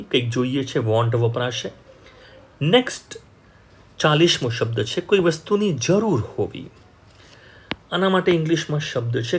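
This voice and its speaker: A man with a Gujarati accent teaching English vocabulary, slowly repeating each word and example sentence. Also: mid-range voice, slight background noise.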